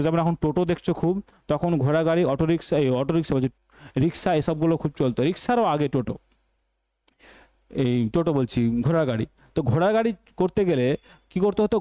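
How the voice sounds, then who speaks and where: A man's voice: fairly high pitch, warm tone, no echo. A man with a Bengali accent teaching an exam-prep English lesson, repeating each question and answer as a drill.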